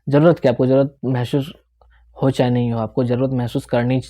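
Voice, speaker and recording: Warm in tone but showing little pitch movement, a young man's mid-range voice moves briskly through an English pronunciation lesson given in Hindi with some English. The sound is clean studio audio with no room sound, and he goes step by step, repeating key words and checking on students with "theek hai".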